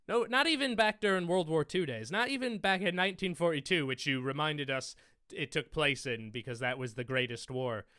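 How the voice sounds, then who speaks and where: A man's voice: fairly high pitch, expressive, a little fast, sharp tone, no room sound. A man hosting a film quiz, sarcastically recapping a movie trailer in casual chat. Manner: sarcastic, mocking. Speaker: quiz show host.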